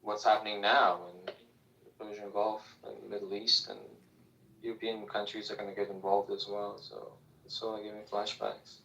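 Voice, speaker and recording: A man in a casual live discussion, speaking hesitantly with many pauses and fillers. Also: on the low side, level tone, vocal fry, fairly bright tone. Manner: hesitant, lots of uh. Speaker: panelist. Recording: roomy, distant mic.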